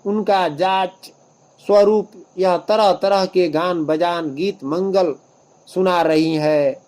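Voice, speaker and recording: Man expounding scripture, devotional commentary, slow deliberate delivery, fairly high voice, chants verses at length. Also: fairly even intonation, a little mellow, low-quality recording. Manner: slow, measured explanation, drawn-out chanting of couplets.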